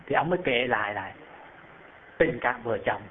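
A man's voice: medium pitch, lively intonation, moderate pace, slight background noise. A man preaching a Buddhist sermon through a parable, telling the story and asking his listeners rhetorical questions. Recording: phone-like narrow band.

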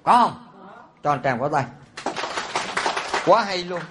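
A man, a Buddhist monk preaching a sermon. He is animated and teasing, and often puts rhetorical questions to his listeners. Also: fairly high pitch, slow, very noisy. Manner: teasing and humorous.

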